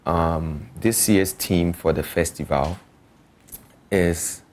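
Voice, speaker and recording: Deep-voiced man explaining. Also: fairly even intonation, takes it slowly, a little mellow. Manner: explanatory, often checking the listener follows. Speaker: artist. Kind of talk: casual interview talk.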